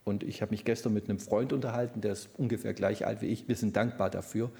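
A middle-aged man preaching a sermon, slowing down on quoted commands and swinging between low earnest tones and lively, raised emphasis. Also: creaky. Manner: slows down to stress quoted commands.

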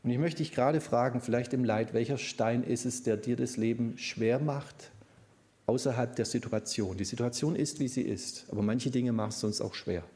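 A middle-aged man preaching a sermon, slowing down on quoted commands and swinging between low earnest tones and lively, raised emphasis. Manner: slows down to stress quoted commands.

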